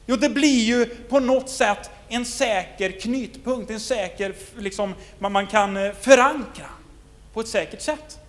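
Man, preacher, sermon, rhetorical questions, swinging loudness, very high pitch. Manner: asks the listeners many rhetorical questions, loudness swings widely. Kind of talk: sermon retelling a scripture story.

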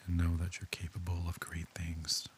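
A man speaking in a soft, tender, intimate whisper as if close to the listener's ear, in an ASMR roleplay. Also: low-pitched, completely flat delivery, moderate pace, a little hiss or hum.

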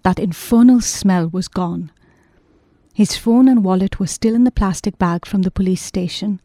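A woman reading an audiobook in a measured, even storytelling voice. Her tone is dark and mellow, and the recording is close and completely dry. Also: mid-range voice, no room sound. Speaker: narrator. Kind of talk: audiobook narration.

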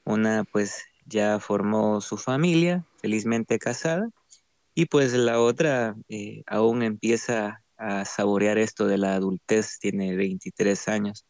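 A young man from El Salvador with a Salvadoran accent, sharing his faith testimony as a guest, in a slow, halting way with many fillers. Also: fairly low pitch, a little mellow, no echo. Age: young adult. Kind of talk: testimony interview.

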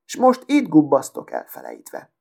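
A man's voice: on the high side, huge pitch swings, vocal fry, darkish tone, exaggerated voice. A man voicing a vain, haughty female sewing needle who talks in a proud, affected, self-important way. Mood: boastful.

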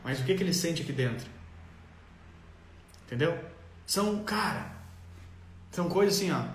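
A man with a Brazilian Portuguese accent giving a motivational live-stream talk on parenting, animated and colloquial, addressing listeners directly. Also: a little high, moderate pace, slight background noise. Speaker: parenting speaker. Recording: roomy echo.

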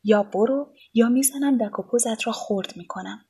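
A woman's voice: a little high, dark tone, breathy edge. A woman reading a storybook voices an agitated, despairing young man of twenty. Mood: angry. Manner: agitated, raised voice.

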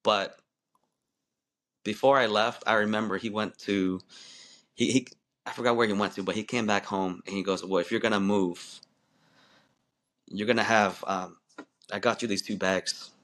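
A wrestling referee in his forties, born in Malaysia and raised in the US, appears as a podcast guest. His voice is fairly low and a bit bright, with fairly even intonation, a moderate pace, and frequent pauses. He tells his story in casual interview style, rambling loosely with many restarts and easy laughs.

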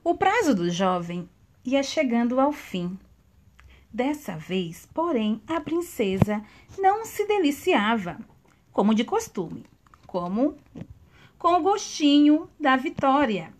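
A woman telling a children's story, animated and asking her listeners questions directly. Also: on the high side, slight background noise.

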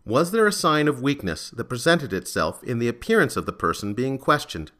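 A man narrating a serialized crime story in a measured, steady scripted reading. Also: medium pitch.

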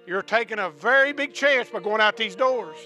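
A man preaches to his congregation, pressing the same questions again and again before he drops into a quiet prayer. His voice sits high and ringing, with a bright, forceful edge. A faint instrumental accompaniment plays softly under his words. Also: animated, normal speed, soft background music. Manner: rising to shouts of praise, then hushed prayer. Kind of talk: sermon with closing prayer.

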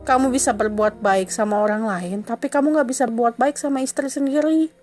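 A woman's voice: a little high, a little fast, darkish tone, faint music behind. A woman in an emotional dramatic monologue, confronting her husband in a reproachful, indignant voice and driving her accusations home with insistent repetition.

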